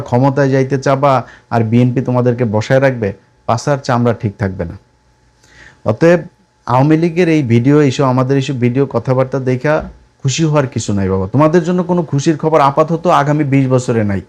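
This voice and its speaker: A middle-aged man delivers a live political monologue. He scolds and mocks, speaking straight at his opponents in a voice of ordinary, middle pitch. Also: a little mellow. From Bangladesh. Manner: scolding and mocking, addresses opponents directly. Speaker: political commentator.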